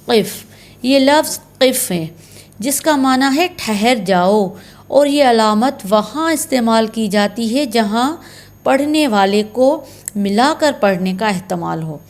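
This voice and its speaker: A woman's voice: on the high side, lively intonation, slow pace. A woman teaching Quran recitation signs in a patient, step-by-step way, repeating key terms. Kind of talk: slow explanatory lesson.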